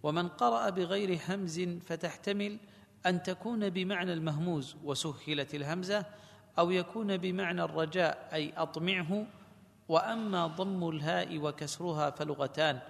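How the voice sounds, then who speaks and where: A man with a fairly high, gravelly voice reads a commentary text aloud in a measured, formal recitation. A long hall reverb trails behind every phrase. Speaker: student reading the text aloud.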